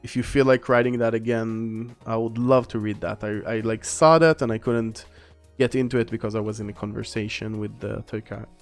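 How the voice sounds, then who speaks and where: A gaming streamer, a man with a lowish voice, casually commentates a game livestream at normal speed with fairly even intonation. He rambles and reads viewer chat aloud while faint music plays in the background.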